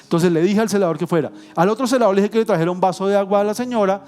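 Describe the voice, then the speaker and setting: A middle-aged man, a guest pastor preaching with animated, joking personal stories. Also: sits high, racing. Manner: animated, humorous storytelling with self-corrections and jokes. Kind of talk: sermon with personal storytelling. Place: church.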